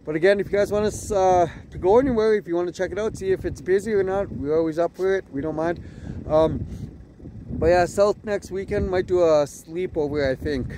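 Guy in his 40s rambling to his phone in an ice fishing shelter, slightly high voice, lots of ums. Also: fairly quick, noisy background. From Canada. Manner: rambling, chatty, with frequent fillers and laughs. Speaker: fishing vlogger. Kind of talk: casual vlog talk to camera. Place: inside an ice fishing tent. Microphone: phone camera at arm's length.

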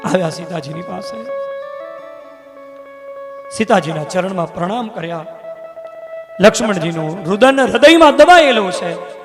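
A man's voice: high voice, expressive, unhurried, long pauses. A man reciting scripture as a devotional storyteller at a live religious gathering, telling the tale emotively with dramatic, rising declamation. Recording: reverberant hall, faint guitar behind.

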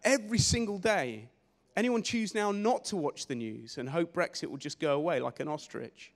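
A young man preaching a sermon on a church stage with a handheld mic, energetic and gesturing, often repeating words as he restarts phrases. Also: a little high, normal speed, gravelly. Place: church stage in a large hall. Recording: long hall reverb.

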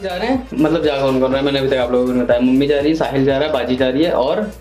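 A man's voice: medium pitch, racing, a little mellow, rough recording. A young man in his twenties chatting playfully to viewers in a casual home vlog, narrating what he is doing and slipping English words into his talk. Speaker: vlogger. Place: family home, indoors. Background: background music.

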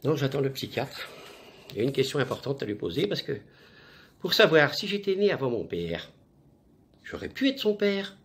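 A man voicing a zany, rambling male cousin in a comic monologue, mumbling absurd jokes in a low voice. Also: big pitch swings, normal speed, pauses often, fairly bright tone.

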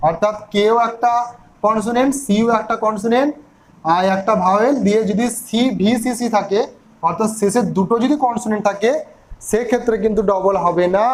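Guy with a high voice explaining grammar rules, spells out every word. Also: slight background noise, rough recording. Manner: spells words out letter by letter and asks questions back. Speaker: English grammar teacher.

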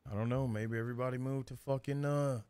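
Brash, cussing roleplayer guy, mid pitch, says brother a lot. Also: fairly even intonation, fast talker, a little mellow, slight background noise. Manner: brash, swearing, calls everyone brother. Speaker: roleplayer and streamer. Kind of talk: in-character roleplay chat.

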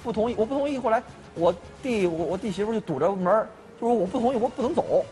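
A man's voice: high voice, expressive, fast, dark tone, soft background music. A man in his thirties recounting a family property dispute to a mediator, earnest and repeating himself.

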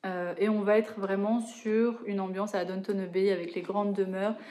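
Mellow-voiced woman chatting casually. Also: mid-range voice, little pitch movement, moderate pace. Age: 30s. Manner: chatty, self-correcting, digressive. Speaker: book vlogger. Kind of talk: casual chat to camera about books. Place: living room, indoors on a sofa.

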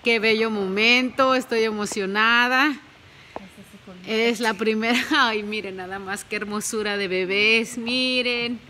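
Bright, slow-talking woman vlogger. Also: fairly high pitch, fairly even intonation, a little hiss or hum, poor audio. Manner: chatty and doting, mixes in English words. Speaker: family vlogger. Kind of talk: casual home vlog narration. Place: at home beside a birthing dog.

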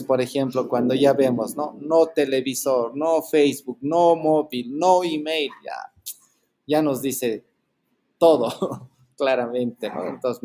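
Male teacher on a video call, mid-pitched, explanatory, leans on tag questions. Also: a little mellow. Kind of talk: online class lecture.

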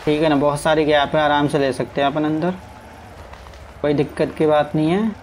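A man's voice: fairly high pitch, little pitch movement, normal speed, a little hiss or hum, rough recording. A man giving casual commentary as he plays a game, chatting to his truck and his viewers. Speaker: gaming streamer. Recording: faint game sounds in background.

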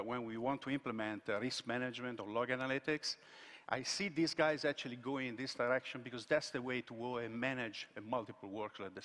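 A man giving a conference keynote from a large stage, speaking haltingly with frequent restarts. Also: medium pitch, fairly bright tone. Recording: echoey hall sound.

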